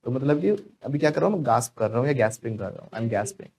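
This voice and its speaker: Lively male English teacher. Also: medium pitch, quick pace, crowd noise. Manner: lively, drills students to repeat phrases. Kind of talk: classroom teaching.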